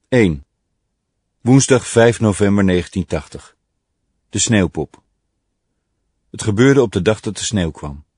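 Male audiobook narrator, measured and deliberate, lowish voice, dry close sound. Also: darkish tone, no room sound.

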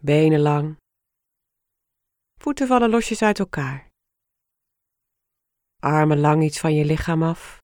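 A woman leading a guided relaxation as an instructor, giving short, soothing instructions in a calm, unhurried manner. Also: low-pitched, no room sound, studio quality.

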